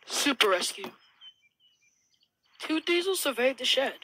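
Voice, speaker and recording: A man reading storybook narration for a homemade toy train film in a plain, steady way. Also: very high voice, unhurried, slight background noise, exaggerated voice.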